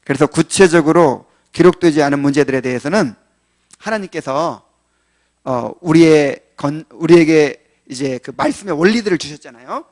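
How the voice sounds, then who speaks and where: A man preaching as a pastor, teaching a catechism lesson to his congregation. He talks in a conversational way, asks the listeners rhetorical questions, and moves between loud, pressing lines and quiet asides. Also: a little high, animated, normal speed. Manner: many fillers and restarts, swings from loud to quiet. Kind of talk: catechism lecture sermon.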